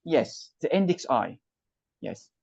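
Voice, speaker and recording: With a very animated, slightly mellow mid-range voice, slow delivery, and vocal fry, a computer science tutor patiently takes a student through each loop step and checks they're keeping up. The lesson is a screen recording of a video call picked up by a computer mic. The audio is dull and dry, with no echo.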